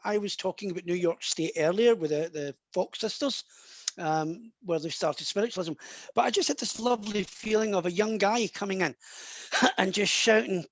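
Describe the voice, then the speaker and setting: With a high voice and no audible room sound, a psychic medium chats through a live online session, wandering off and restarting his thoughts again and again.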